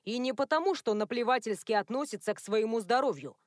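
A woman voicing a calm, dry-witted male town doctor in an audiobook. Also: on the high side, brisk, dry recording, close to an everyday voice. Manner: calm, terse.

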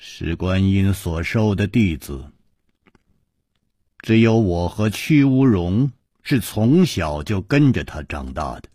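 A young woman in a radio story speaks low and trembling, as a male storyteller puts her on. Her voice is husky and slow, close and dry. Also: mellow, no echo, full character voice. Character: trembling young woman, former disciple of a villain.

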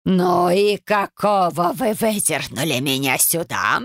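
A woman voicing a grumpy old woman's ghost who scolds her relatives with slow, rasping scorn. The voice sounds dry and close. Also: low voice, lively intonation, a bit bright, no room sound, exaggerated voice. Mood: furious.

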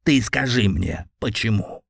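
A man's voice: lowish voice, animated, unhurried, gravelly, slightly rough, no room sound, studio quality, heavily acted. A man voicing a huge, contemptuous cat-like demon lord in an audiobook, with a lazy, scornful, slightly growling delivery. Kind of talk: audiobook character voice.

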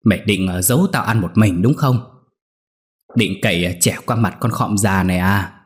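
A man voicing a sharp-tongued old village mother-in-law who scolds and curses bossily in a storytelling. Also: on the low side, moderate pace, lightly acted. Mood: mocking. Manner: scolding, cursing, bossy.

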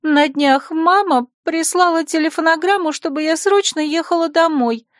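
A woman voicing a spoiled, tearful young female secretary who stammers and whines in a squeaky voice. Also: moderate pace, no echo, studio quality. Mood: whiny.

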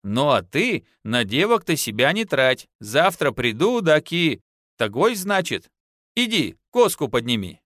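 An earthy young peasant wife, teasing and quick to scold, in a raised, lively voice, as a male audiobook narrator puts her on. Her folksy talk swings up and down in a close, dry recording. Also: on the high side, no echo, heavily acted. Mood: homely.

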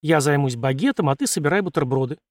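A man voicing a lively, bold young woman who talks in a brisk, coaxing way. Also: a little high, no room sound, clean studio sound, close to an everyday voice.

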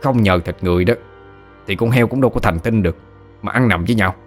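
A man's voice: fairly low pitch, quick pace, faint music behind, lightly acted. Man doing a blunt, mocking bald thug.

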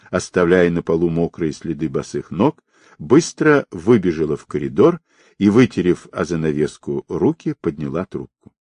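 A man narrating an audiobook in an expressive reading voice. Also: low-pitched, dry recording, clean studio sound.

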